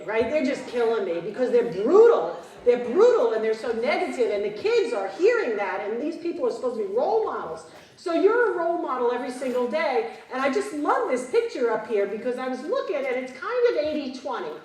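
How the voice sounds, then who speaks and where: A woman in her fifties giving a motivational keynote to a conference audience, animated and prompting the crowd with frequent questions. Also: sits high, fairly quick. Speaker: keynote speaker. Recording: roomy hall, distant mic.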